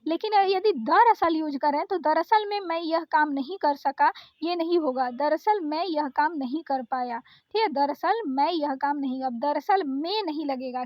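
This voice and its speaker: A woman teacher with a high voice walks her students through sentence corrections for an exam. She reads each mistake aloud and fixes it patiently, with frequent self-corrections. The recording is dry and slightly dull, with no room sound. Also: no echo. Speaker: Hindi grammar teacher. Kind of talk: exam-prep grammar lesson.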